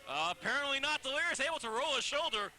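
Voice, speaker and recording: A man with a very bright, forceful, high voice gives colour commentary on wrestling. He is wordy and wry, with faint venue ambience behind him. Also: very animated, fast talker.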